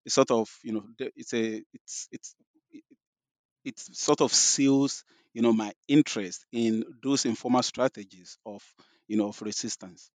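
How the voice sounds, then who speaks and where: Nigerian guy in his 50s, professor talking slow and halting, lots of um and you know, dry close sound. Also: medium pitch, steady tone, dry recording. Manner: halting, many fillers and restarts. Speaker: guest professor. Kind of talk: academic interview answers.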